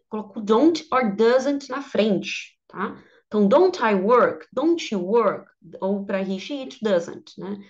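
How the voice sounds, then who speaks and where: A woman English teacher with a Brazilian Portuguese accent giving an online grammar lesson, slowing down to model example sentences. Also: on the high side, highs cut off.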